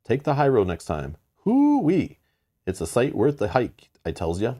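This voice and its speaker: A man's voice: on the low side, sing-song, normal speed, mellow. A man voicing a wizened, friendly old gnome with folksy, exclaiming rustic speech and a mischievous streak in a tabletop game. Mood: jovial.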